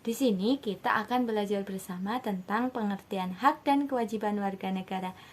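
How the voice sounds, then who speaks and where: A young woman, a university student, presenting a scripted lesson in a steady reading voice that rises on her points. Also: mid-range voice, normal speed. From Indonesia. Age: young adult.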